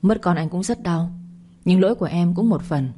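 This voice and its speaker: A woman's voice: fairly low pitch, normal speed, mellow, lightly acted. A woman storyteller voicing a grieving young husband who pleads earnestly with his wife. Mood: pleading.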